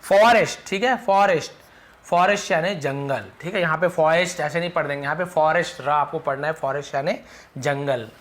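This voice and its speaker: A man teaching English vocabulary to Hindi speakers, calling out each word loudly and then explaining its meaning more quietly and patiently, with repetition. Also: a little high, a little fast. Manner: patient, repeats the meaning several times.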